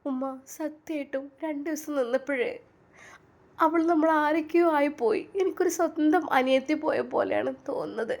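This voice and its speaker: A woman's voice: high voice, moderate pace, voice pushed up. A woman voicing a tender young woman, pleading and close to tears in a storybook tale. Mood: sad. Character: tender young woman, emotional elder sister.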